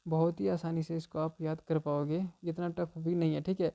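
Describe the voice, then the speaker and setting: Teaching memory tricks to exam students, this man speaks in a relaxed, conversational style, constantly dropping "theek hai" after nearly each phrase. His voice is dark and gravelly, fairly high in pitch, at a normal speed. He holds a flat, even line throughout, with little rise or fall.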